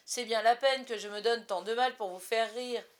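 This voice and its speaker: A woman's voice: high voice, fairly even intonation, brisk, pitched above the performer's own voice. A woman playing a blustering, self-pitying father. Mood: indignant. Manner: loud, sulky, defiant.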